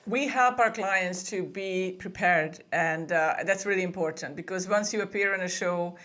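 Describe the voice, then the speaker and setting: A woman speaks in a fairly low voice. She talks in a chatty, easygoing way, often restarting her phrases. She sounds like a guest on a remote interview. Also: moderate pace, a bit bright. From Hungary. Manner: chatty, with frequent laughs and restarts. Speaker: podcast booking agency co-owner, guest. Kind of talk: casual interview conversation.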